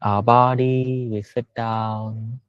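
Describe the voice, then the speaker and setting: A meditation teacher talks listeners through a guided session in a smooth, mid-range voice, level in tone, gentle and unhurried, with long pauses. The sound is lo-fi and dry.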